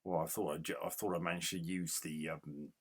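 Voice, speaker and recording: A man giving casual gameplay commentary as a retro game reviewer, grumbling in exasperation and yelling at the game. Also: low voice, fairly even intonation, fairly quick, slightly rough.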